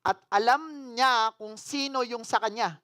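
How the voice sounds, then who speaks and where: Speaking a little slowly in a slightly high voice, a female pastor delivers her sermon. She poses questions to the congregation, weaves in English phrases, and alternates loud declarations with hushed, earnest appeals.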